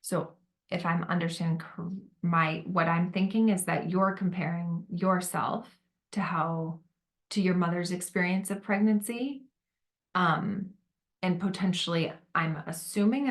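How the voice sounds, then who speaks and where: A woman facilitating a group discussion on motherhood, gentle and validating, with many fillers. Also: fairly low pitch, measured pace, gravelly. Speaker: workshop facilitator.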